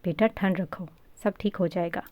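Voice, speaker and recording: A woman voicing a kind, patient stepmother who speaks softly. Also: lowish voice, steady tone, dry recording, highs cut off, lightly acted. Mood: soothing.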